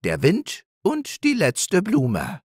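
A vain little male hare poet struts through a bedtime storybook, put on by a man. His voice climbs high and lively as he hands out orders. The sound is dry and close. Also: drawn-out words, slightly rough, no room sound, full character voice. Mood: pompous. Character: pompous male hare poet, proud and bossy.

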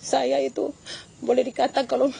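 Tearful older woman, gravelly voice. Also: sits high, flat delivery, normal speed, warm tone, slight background noise. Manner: tearful, pleading and indignant. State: crying. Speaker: interviewee. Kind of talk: emotional interview testimony.

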